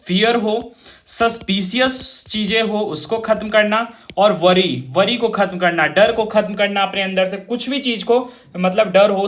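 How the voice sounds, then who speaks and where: A man with a notably high voice teaches a vocabulary class. He drills each word over and over in call-and-response, speaking to his students as children. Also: a bit bright. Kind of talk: informal online classroom lesson.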